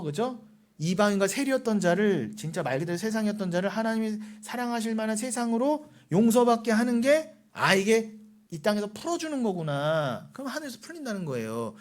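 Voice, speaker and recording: A man's voice: sits high, expressive, a little fast. A middle-aged male pastor preaching a sermon, scolding the congregation and firing rhetorical questions at them.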